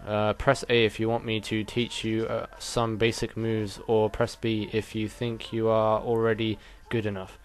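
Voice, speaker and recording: A man's voice: fairly low pitch, completely flat delivery, unhurried, hardly any pauses, close to an everyday voice. A man reading aloud the lines of a short-sighted male mole who patiently explains game controls. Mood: helpful.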